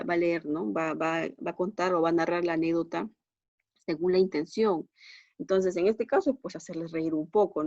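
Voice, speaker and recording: A woman with a fairly low, slightly mellow voice teaches an online class, patiently checking that students follow with frequent short tag questions. There's no echo, but the lo-fi recording sounds dull and muffled.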